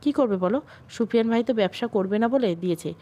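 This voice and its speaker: A woman voicing a kind young sister-in-law in an audio story, gentle and reassuring. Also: on the high side, fast, close to an everyday voice.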